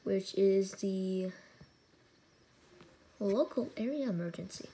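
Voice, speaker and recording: With emergency alert tones and sirens making the audio noisy, a woman hosts an informal hands-on gadget demo for her hobby videos. Her voice is slow, mellow and medium in pitch, and she mutters little asides to the device.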